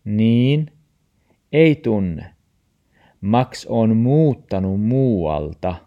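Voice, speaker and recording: A man's voice: on the low side, lively intonation, highs cut off, lightly acted. A man doing a patient old granddad. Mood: reassuring. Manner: slow, soothing and reassuring.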